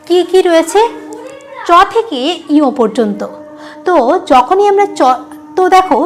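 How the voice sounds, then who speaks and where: A woman's voice: very high-pitched, darkish tone. A woman teacher explaining a grammar lesson at a board, asking her students questions and answering them herself, repeating each key term.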